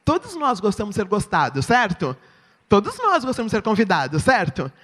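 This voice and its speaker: Woman, Brazilian accent, church speaker, animated intonation, reverberant hall. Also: mid-range voice, fairly quick. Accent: Brazilian Portuguese. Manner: expressive, asks the audience "right?". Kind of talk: sermon-style teaching talk.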